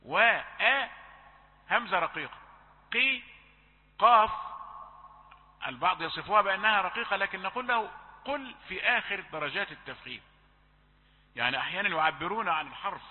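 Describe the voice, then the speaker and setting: A man teaching Quran recitation rules, slowly drawing out letters and correcting mistakes. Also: sits high. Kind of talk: tajweed lesson with recited examples. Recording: tinny phone-like audio with long reverb.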